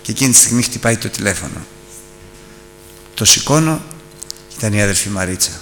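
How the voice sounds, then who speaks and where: A man preaching and teaching a Bible lesson. He tells stories and slows down and rises for emphasis. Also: fairly low pitch, expressive, a bit bright. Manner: storytelling, slowing down and rising for emphasis. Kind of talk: sermon. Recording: reverberant hall with faint hum.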